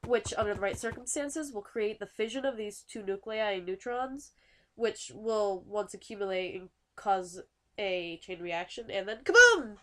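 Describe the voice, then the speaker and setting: A woman's voice: medium pitch, normal speed. A teenage girl with a nasal, stuffy voice, narrating a school project video in a chatty, self-deprecating way. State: stuffy nose from a winter cold. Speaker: student YouTuber.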